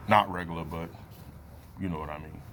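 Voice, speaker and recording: A man in his late thirties giving a reflective personal talk to camera, loose and halting, with many fillers and pauses. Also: deep voice, steady tone, a bit bright, a little hiss or hum. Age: 30s. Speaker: vlogger.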